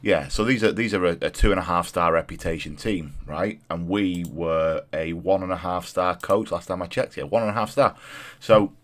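A man's voice: sits low, moderate pace, hardly any pauses, fairly bright tone. A man in his thirties with a throaty, stuffed-up voice from a cold, chatting casually through gameplay as a video host and repeating phrases for emphasis. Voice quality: throaty, congested.

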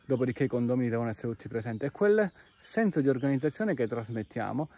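A man's voice: mid-range voice, big pitch swings, quick pace, mellow. Chatty man talking while walking outdoors. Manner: chatty, rhetorical, quotes imagined listeners. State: out of breath from climbing. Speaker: podcast host. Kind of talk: walking vlog talk. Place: outdoors on a trail by a cave.

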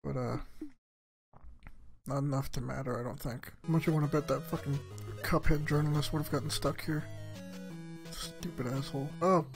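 A man's voice: a little high, fairly even intonation, normal speed, vocal fry, pauses often, over music. A man streaming a live let's-play, reacting with profane, incredulous and sarcastic running commentary. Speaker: game streamer.

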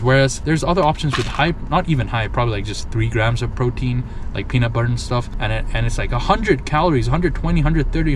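Young male vlogger, chatty and excitable, mid pitch, handheld camera, noisy background. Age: young adult. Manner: chatty, excitable, casual slang. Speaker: fitness vlogger. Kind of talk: casual vlog chat to camera. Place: grocery store, then parked car at night. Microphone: handheld camera at arm's length.

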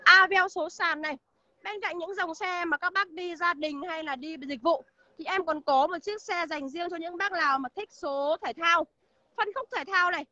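A woman pitches used cars in a very high, bright, ringing voice, rattling off features and prices. She greets her viewers by name as she goes. The sound is dry and a bit dull, like a phone stream from an outdoor car lot. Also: normal speed, no room sound. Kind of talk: livestream sales pitch.

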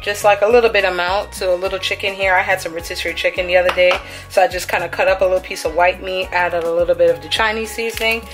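A woman filming a casual cook-along in her home kitchen, chatty and upbeat as she talks through each step. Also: on the low side. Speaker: cooking vlogger.

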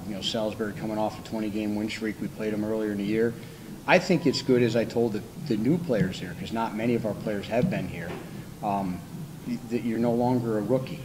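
Older male coach, low-pitched, candid and rambling, table mic, background noise. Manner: candid, rambling, dry humor. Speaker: college baseball coach. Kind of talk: postgame press conference. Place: press conference room. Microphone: table microphone.

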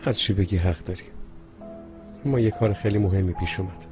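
An actor dubbing an apologetic young husband into Persian, speaking in an apologetic, defensive way. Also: male voice, sits low, steady tone, music in the background, close to an everyday voice. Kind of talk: Persian dub of a Turkish drama.

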